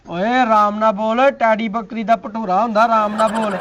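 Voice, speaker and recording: A man's voice: high-pitched, steady tone, moderate pace, fairly bright tone, dull audio, a little hiss or hum. A man playing the husband's brother, brash and insulting toward the others. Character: husband's brother, a loud defender of his brother.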